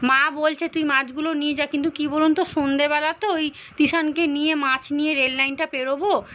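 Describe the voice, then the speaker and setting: Hoarse woman vlogging with a cold. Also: high-pitched, fairly even intonation, fairly quick, a bit bright, lo-fi sound, a little hiss or hum. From India. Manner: tired, unwell, chatty daily account. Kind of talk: casual vlog chat.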